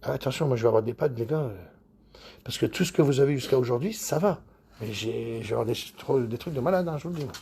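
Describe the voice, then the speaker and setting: A man who details cars, chatting casually while he works, excitable, boastful and rambling, with a husky voice. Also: medium pitch, quick pace. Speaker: car detailer. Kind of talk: casual chat while working.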